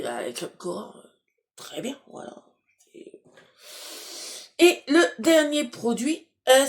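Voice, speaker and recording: A woman's voice: on the high side, gravelly. A woman casually chatting to her viewers while unboxing beauty products, hesitant, with many fillers and restarts, laughing at herself. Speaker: beauty box unboxing vlogger.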